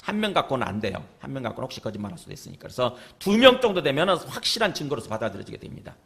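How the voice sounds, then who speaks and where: A man's voice: mid-range voice, big pitch swings, rapid-fire, vocal fry, fairly bright tone. A male pastor preaching a sermon in a conversational way, often asking the congregation rhetorical questions. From South Korea.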